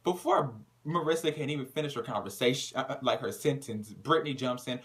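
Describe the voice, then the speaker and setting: A man's voice: medium pitch, fairly quick. A man casually recapping a reality TV episode, using slang and profanity and retelling scenes with dramatic flair. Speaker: TV recap reviewer.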